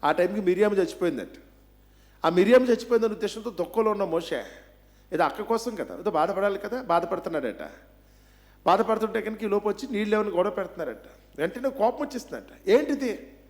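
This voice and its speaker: A man's voice: high-pitched, animated, fast talker, darkish tone. A man preaching a Bible seminar sermon, pressing his listeners with one rhetorical question after another.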